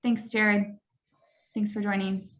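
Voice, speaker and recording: Mid-pitched woman moderating a meeting. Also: flat delivery, takes it slowly. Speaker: public hearing moderator.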